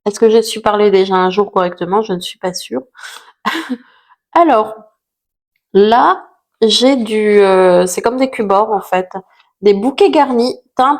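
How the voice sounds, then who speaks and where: A woman's voice: on the high side, a little slow, darkish tone. A woman chatting casually to camera about used-up products, self-mocking, with lots of fillers. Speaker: vlogger reviewing finished products.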